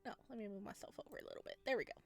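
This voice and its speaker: A woman hosts a gaming video, reacting aloud with casual, playful, expressive let's play commentary. Her voice is medium-pitched and her pace racing, with faint music in the background.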